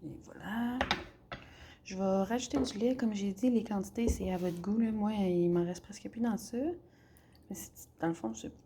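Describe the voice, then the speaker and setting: A woman's voice: mid-range voice, fairly even intonation, normal speed, background noise. A young woman with a Québécois French accent, chatting casually as she cooks in her home kitchen and rambles with many fillers. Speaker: vlogger. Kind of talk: casual cooking vlog narration.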